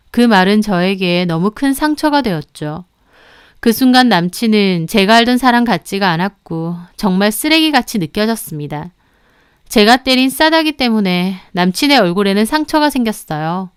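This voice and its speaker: A woman telling a personal story in the first person in a calm, reflective tone. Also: mid-range voice, clean tone, dry recording, studio quality. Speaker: story narrator.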